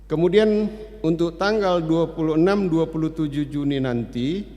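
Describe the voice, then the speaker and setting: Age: about 60. Sex: man. Role: church announcer. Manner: chatty, hesitant, with frequent fillers. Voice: fairly high for a man. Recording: long church-hall reverb. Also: normal speed, mellow, lo-fi sound.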